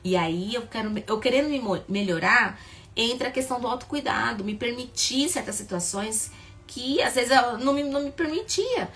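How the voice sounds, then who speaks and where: A woman's voice: fairly high pitch, lively intonation, normal speed, fairly bright tone, soft background music. A woman in her forties, a therapist with a Brazilian Portuguese accent, talking casually and emphatically and acting out the people she quotes. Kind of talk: casual motivational talk.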